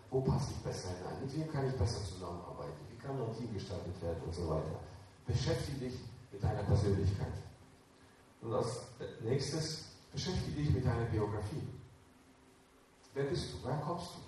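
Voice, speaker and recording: A man preaches in a mellow, low-toned voice, pressing his points on the listeners with direct commands and questions. He sounds distant from the microphone in a strongly echoing hall with faint room noise behind him. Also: animated, normal speed. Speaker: preacher speaking to young people. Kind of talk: sermon.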